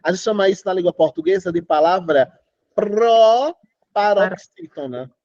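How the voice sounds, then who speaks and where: A man's voice: sits high, fairly even intonation, fast, gravelly, darkish tone, no room sound, lo-fi sound. A man teaching a Portuguese class online, chatty, quizzing students and singing out syllables. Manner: chatty, asks students questions, sings out syllables.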